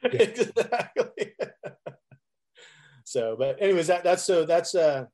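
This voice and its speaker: A musician in middle age tells stories as an interview guest in a relaxed chat, often restarting, laughing a lot and performing the lines he quotes. The voice is a little high and dark-toned, at a moderate pace.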